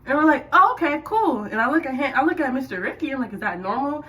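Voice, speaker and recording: Woman storyteller, casual, lively, sits back from the mic, voice on the higher side. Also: racing, distant mic, low-quality recording. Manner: chatty and animated, with sudden loud bursts. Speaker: radiology tech telling a work story. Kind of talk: casual storytime while doing hair.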